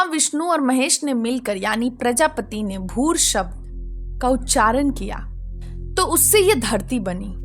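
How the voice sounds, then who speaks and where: Brief: female host, earnest explainer voice-over, lively higher pitch, clear music bed behind. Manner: earnest, addresses the viewer directly. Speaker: channel host explaining a mantra. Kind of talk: narrated explainer in Hindi with English words.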